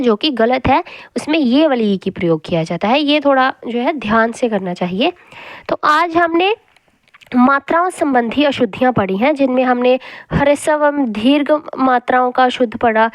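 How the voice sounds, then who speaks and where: A woman teaching a Hindi grammar lesson, speaking slowly and repeating each word as she drills spellings aloud. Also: high-pitched, dry recording, lo-fi sound. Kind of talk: classroom lesson explaining spelling.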